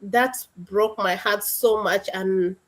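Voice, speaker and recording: A woman's voice: mid-range voice, steady tone, takes it slowly, low-quality recording. A middle-aged woman from South Sudan, a panel speaker telling her personal story in an earnest, heartfelt way with some hesitations.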